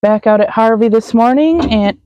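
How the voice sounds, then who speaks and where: A woman's voice: on the high side, moderate pace, dark tone, lo-fi sound, a little hiss or hum. A woman hosting a casual project vlog, chatty and joking as she narrates the work. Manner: chatty, joking, laughs easily. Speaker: vlog host.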